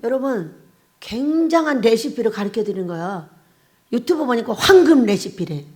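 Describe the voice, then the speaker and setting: A woman's voice: a little high, animated, moderate pace, a little mellow. A middle-aged woman pastor giving a conversational sermon, putting rhetorical questions to the congregation and often breaking into laughter. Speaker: pastor and prayer house director.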